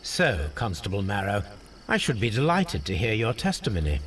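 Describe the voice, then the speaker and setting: Cool, formal detective, low voice with wide swings, heard from a distance in game audio. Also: male voice, wildly swooping pitch, a bit bright, slight background noise. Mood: calm. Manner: formal and measured. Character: brilliant, cool-headed male detective.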